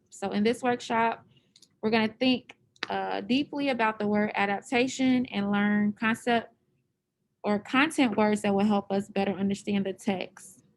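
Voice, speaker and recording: A woman's voice: medium pitch, a little hiss or hum. A woman teacher leading an online class, patiently explaining step by step over a computer microphone.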